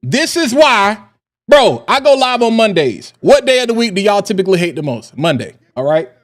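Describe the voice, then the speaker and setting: High-voiced hyped-up male livestream host. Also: moderate pace. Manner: hyped, loud and then dropping low to calm down. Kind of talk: animated livestream rant. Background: faint background music.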